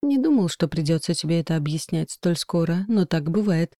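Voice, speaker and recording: A woman voicing a gloomy male spirit guardian who mentors a trainee, speaking grimly and slowly. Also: fairly low pitch, lively intonation, mellow, no echo, studio quality, natural voice. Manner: grim, slow.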